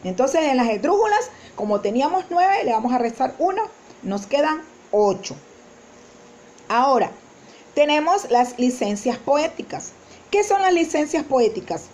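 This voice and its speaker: A woman with a high voice gives a spoken lesson on poetic meter. She talks slowly and patiently, breaking example verses into syllables as she explains. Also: very animated, a little mellow, a little hiss or hum. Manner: slow, explanatory, syllabifies example lines aloud. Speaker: teacher.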